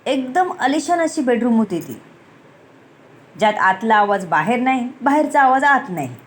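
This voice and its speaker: A woman's voice: a little high, big pitch swings, normal speed. A woman reading a romance story aloud, acting out the characters' dialogue. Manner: acts out the dialogue, switching voices between characters.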